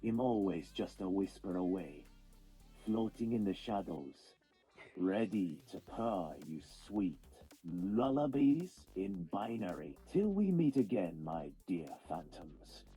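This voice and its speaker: A man's synthetic voice playing a gentle, whimsical ghost-cat AI toy with an English accent, speaking in flowery, poetic lines. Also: deep voice, very animated, takes it slowly, breathy edge, faint music behind, exaggerated voice, low-quality recording. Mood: whimsical farewell. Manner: flowery, poetic, reads out its own actions.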